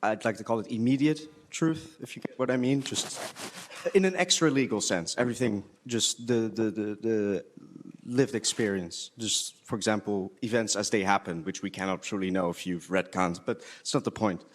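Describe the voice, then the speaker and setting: A man's voice: fairly low pitch, moderate pace. A man asks a long, philosophical question from the audience. He stammers, restarts often and rambles as he goes. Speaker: audience member asking a question.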